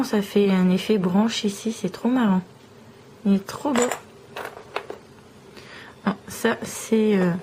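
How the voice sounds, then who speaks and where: A woman vlogger showing off small trinkets one by one in a slow, admiring show-and-tell. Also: mid-range voice, darkish tone, a little hiss or hum, low-quality recording.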